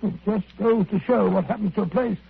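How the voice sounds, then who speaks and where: An actor playing an earnest, good-natured doctor companion who talks chattily and a little hesitantly, in 1940s radio acting. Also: male voice, sits high, steady tone, fairly quick, vocal fry, breathy edge, exaggerated voice. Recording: tinny old radio broadcast.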